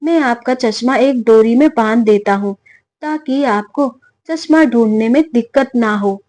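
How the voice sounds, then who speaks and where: A woman's voice: on the high side, a little slow, a little mellow, no room sound, natural voice. A woman voicing a caring grown son who speaks earnestly to his mother. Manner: concerned, earnest.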